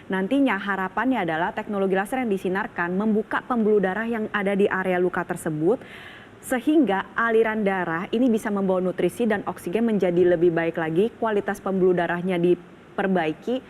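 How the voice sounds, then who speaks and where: A woman's voice: mid-range voice, fairly quick, darkish tone, slight background noise. A woman presenting on a health show, explaining things instructively to viewers at home.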